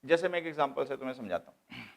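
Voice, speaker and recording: A man's voice: mid-range voice, sing-song, fast, vocal fry. A man teaching English grammar to exam students, explaining step by step and repeating key points. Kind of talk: classroom lecture.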